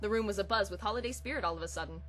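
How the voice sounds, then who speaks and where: This woman has a mid-range voice and talks at a racing speed. She hosts a reading of comic fan fiction, opening with a casual intro and then reading aloud in a dramatic storytelling style. Background hum and hiss can be heard.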